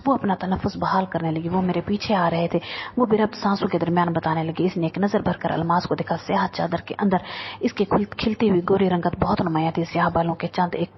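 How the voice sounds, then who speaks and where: A woman narrating a novel in a steady storytelling manner. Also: fairly low pitch, a little fast. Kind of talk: scripted narration. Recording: dull lo-fi audio with faint hiss.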